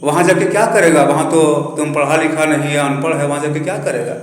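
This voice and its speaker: A calm, indulgent elder brother, as a man puts him on in a fairly high voice. Long reverb rings through the echoey room. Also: fast, close to an everyday voice.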